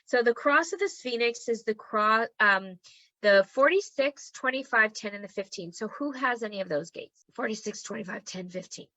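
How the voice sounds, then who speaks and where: A woman teaches human design to an online group, chatty and encouraging, her voice worn from having lost it. She sounds high-ish, animated, bright and forceful at a moderate pace, constantly asking "okay?" The audio is poor, with no room sound.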